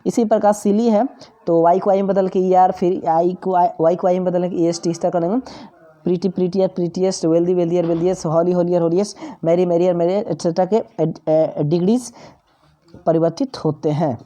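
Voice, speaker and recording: A woman explains grammar rules step by step, repeating each example word. Her voice is very mellow and sits a little low. She has the patient, steady manner of a classroom teacher. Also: brisk. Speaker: English teacher.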